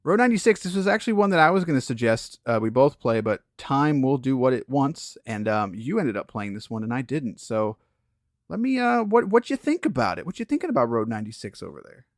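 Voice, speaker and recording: Lively, playful podcast co-host man. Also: medium pitch, fairly quick, no echo, clean studio sound. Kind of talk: casual chat.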